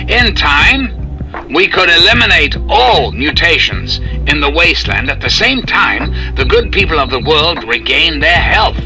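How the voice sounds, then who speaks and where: An actor voicing a calm, menacing male computer AI in a video game, measured and quietly threatening. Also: on the high side, poor audio.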